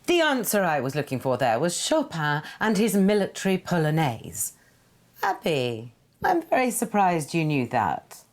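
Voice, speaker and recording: A woman's voice: low voice, huge pitch swings, unhurried, exaggerated voice. An actress playing a theatrical middle-aged mother who bossily runs a music quiz and sings her clues. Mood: imperious.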